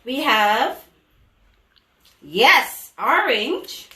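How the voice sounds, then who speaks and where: Female preschool teacher, high and slow, overbright singsong questioning for little children, recorded off-mic in an echoey room. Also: sing-song, bright, forceful tone. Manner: overbright, exaggerated kids-host delivery with singsong questions. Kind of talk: children's lesson, call-and-response. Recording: echoey room, distant microphone.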